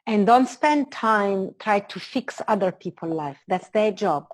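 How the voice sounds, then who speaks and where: In an interview, a spiritual teacher from Italy talks with an Italian accent, her voice medium-pitched in a middle register, animated and unhurried. Her manner is earnest and expansive as she builds every idea phrase by phrase.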